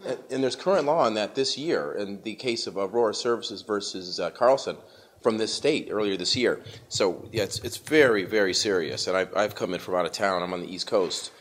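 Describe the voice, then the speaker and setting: A man's voice: lowish voice, fairly quick, a bit bright. A man filming in a government office, pressing an official with repeated, insistent questions. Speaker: activist filmmaker. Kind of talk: confrontational questioning on camera. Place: government office lobby indoors.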